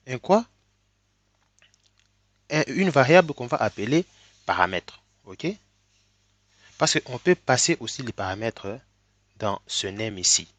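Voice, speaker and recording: Teaching code in a screen recording, a man with a cold speaks in a mid-range voice with a fairly bright tone and no room sound. He progresses slowly through each step and checks in with "ok?" frequently.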